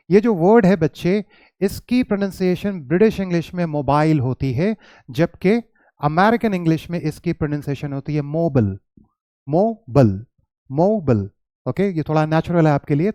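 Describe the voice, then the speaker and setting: A man's voice: on the high side, mellow, no echo. Indian man teaching English pronunciation. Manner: patient, repeats words slowly to model pronunciation; mixes Hindi with English words and phrases. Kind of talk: classroom lesson explanation.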